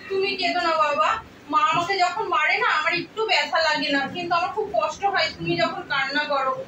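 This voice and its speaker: A young woman playing a mistreated elder stepdaughter who speaks softly and pleads. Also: very high-pitched, fast talker. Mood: gentle. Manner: soft, pleading. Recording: roomy room, mic far off, clear background noise.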